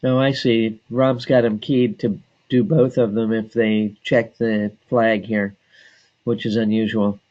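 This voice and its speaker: A man walks trainees through a software screen at an unhurried, measured pace. He pauses often with fillers as he clicks through each step. The sound is dull and lo-fi, like a recorded webinar. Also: on the low side, little pitch movement. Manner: slow and deliberate, many filler pauses. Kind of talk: screen-share software tutorial.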